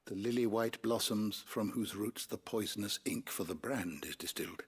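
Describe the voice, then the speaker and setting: A man's voice: fairly low pitch, husky. An actor playing a learned, courtly man who speaks in a formal, old-fashioned way in game dialogue. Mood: earnest. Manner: measured, formal, archaic phrasing.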